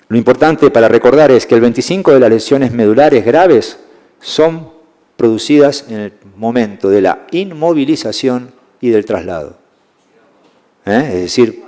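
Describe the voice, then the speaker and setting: A man's voice: medium pitch, animated, measured pace, mellow. A man with a Rioplatense Spanish accent giving a classroom lecture on sports medicine to young referees, explaining step by step and often checking in with his audience. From Argentina. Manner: explanatory, keeps checking in with "¿eh?" and "fíjense". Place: lecture hall. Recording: long hall reverb.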